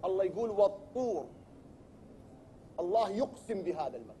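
A man preaching a sermon in Iraqi Arabic, asking rhetorical questions and answering them himself, at times building to loud, emphatic declaiming. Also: high-pitched, expressive, brisk, a little hiss or hum. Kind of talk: religious sermon.

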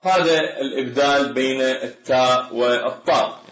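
A man delivers a measured academic lecture, pausing to carefully pronounce example words. The recording is roomy and echoey, with a dull, lo-fi tone. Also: medium pitch, fairly bright tone. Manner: measured, explanatory, slows to sound out example words. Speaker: Arabic language lecturer.

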